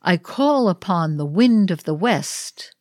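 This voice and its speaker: A woman voicing the Green Man of Spring, a solemn heroic champion, declaiming slowly in a read-aloud ritual play. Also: on the low side, expressive, a little mellow, no echo, clean studio sound.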